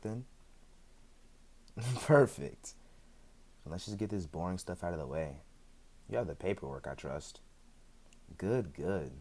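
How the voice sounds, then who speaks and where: Heavily acted and a little mellow with a breathy edge, a man's very deep voice portrays a chatty, sheepish, evasive immortal just returned from death. He sounds casual and pleased, talking conversationally and hesitantly with frequent chuckles and dry humor. This is one side of a conversation in an ASMR roleplay audio drama.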